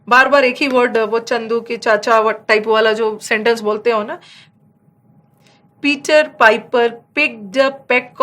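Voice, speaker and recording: A woman teaching English idioms in a Hindi-English mix, with an Indian English accent. She explains each phrase with examples and slows right down when she says the English lines. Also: a little high, a bit bright. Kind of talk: online exam-prep vocabulary lesson.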